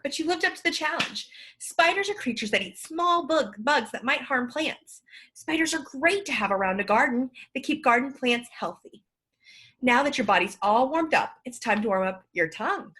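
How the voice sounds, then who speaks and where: A woman's voice: fairly high pitch, lively intonation, normal speed, bright, forceful tone, slightly rough. A woman teacher talking through a home-learning lesson video in an upbeat, playful, encouraging way.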